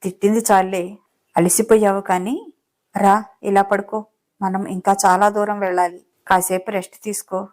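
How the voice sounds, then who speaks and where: A woman's voice: mid-range voice, little pitch movement, moderate pace, pauses often, a little mellow, natural voice. A woman voicing a rich young man in a romance audiobook, speaking with affectionate, playful coaxing. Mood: teasing. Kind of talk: audiobook character reading.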